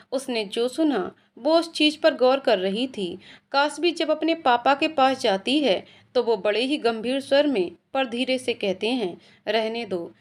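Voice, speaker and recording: A woman narrating a heart-touching family story in a steady, emotive storytelling manner. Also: high-pitched. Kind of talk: scripted narration.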